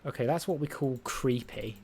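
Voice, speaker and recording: A man's voice: mid-range voice, normal speed. A man streaming a puzzle game, talking casually and rambling as he plays, often breaking off and restarting his sentences. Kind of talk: casual let's-play commentary. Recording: game music loud underneath. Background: loud game music.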